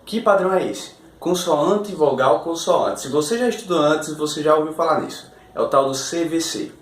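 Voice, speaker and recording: Upbeat higher-voiced male teacher, roomy sound. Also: expressive, normal speed. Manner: upbeat, explains step by step, often asks the viewer questions. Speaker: English teacher. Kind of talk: online English lesson. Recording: roomy echo, faint ambient noise.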